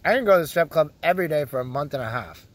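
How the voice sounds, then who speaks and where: A man's voice: a little high, expressive, very fast. A Canadian man with a Canadian English accent ranting casually to camera, swearing often and telling his story with heavy sarcasm. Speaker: vlogger.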